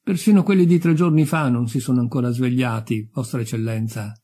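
A man's voice: mid-range voice, fairly quick, dark tone, slightly rough, lightly acted. A man voicing an obsequious petty official who speaks deferentially. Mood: fawning. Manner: fawning, deferential. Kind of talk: audiobook character voice.

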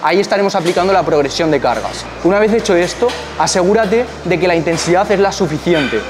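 A man's voice: sits high, animated, fast talker. A young man, a fitness coach, giving direct gym advice to the camera in an indoor gym, with rhetorical questions, on a clip-on mic. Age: young adult. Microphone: small clip-on mic on shirt. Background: background music.

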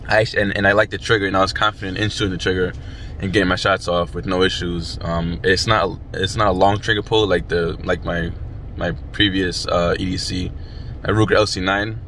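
Young male vlogger, deepish voice, cold and halting, informal talk from a car seat, slight background noise. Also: little pitch movement, a bit bright. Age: young adult. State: chilled by the cold. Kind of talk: casual chat to camera. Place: inside a parked car.

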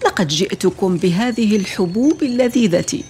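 Storybook villain: cunning grown male fox, smooth and coaxing, read by a woman. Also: mid-range voice, lively intonation, normal speed, a little mellow, a little hiss or hum, close to an everyday voice.

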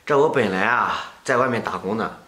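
A man playing a kindly single scrap collector who talks with warm concern. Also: fairly low pitch, lively intonation, a little fast. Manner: warm-hearted, concerned, chatty.

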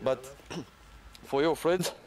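A man's voice: on the high side, extremely slow, a little mellow. A man in his twenties, a soldier and non-native English speaker, explaining informally in broken English, recorded outdoors on a camera microphone. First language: not English. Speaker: soldier guiding a journalist. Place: outdoors in a garden during field filming.

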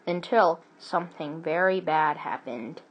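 A woman telling an improvised storybook tale in an animated way, stumbling into restarts and adding sound effects. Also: low-pitched, measured pace, muffled recording, a little hiss or hum.

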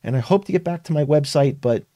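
A man's voice: fairly high pitch, lively intonation, quick pace, warm tone, dry recording. A man hosting a weekly live webinar, talking earnestly and emphatically with frequent restarts and fillers. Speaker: webinar host. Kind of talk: live-streamed tech talk.

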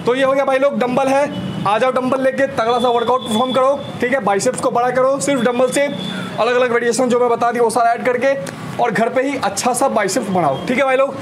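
Brisk and energetic, a high-voiced young man leads a home workout demo as a fitness trainer, repeating "slowly slowly" between his counting cues. The rooftop terrace setting is outdoors, so the recording is noisy with vehicles and street ambience.

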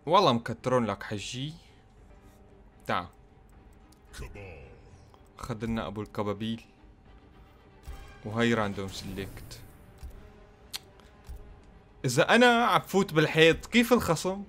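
An excitable man commentates his own fighting-game match. He teases his opponent and talks to himself in a bright, forceful voice. Faint game music plays behind him. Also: mid-range voice, measured pace, pauses often. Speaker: gaming channel host. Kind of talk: gameplay commentary.

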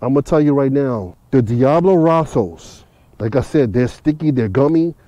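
A man's voice: medium pitch, lively intonation, moderate pace, dark tone, no echo, dull audio. A man reviewing motorcycle tires in a casual, rambling way, full of fillers and repeats, outdoors next to his bike. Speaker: motovlogger. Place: outdoors in a parking lot beside his motorcycle.

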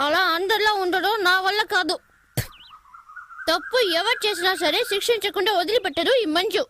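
An actress playing a headstrong, sharp-tongued young woman in dubbed film dialogue, talking in a defiant, scolding way. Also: very high-pitched, brisk, a little hiss or hum. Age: young adult.

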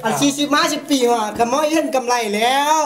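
A woman playing a joking female company boss who runs a meeting in a stage comedy sketch and keeps laughing and shouting. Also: high-pitched, brisk, roomy sound, crowd noise, natural voice. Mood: soothing. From Laos.

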